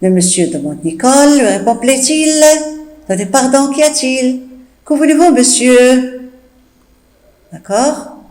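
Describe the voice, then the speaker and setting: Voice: high-pitched, expressive, a little slow, pauses often, darkish tone. A French teacher patiently explaining a text and its old words to pupils, often checking they follow. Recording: echoey room.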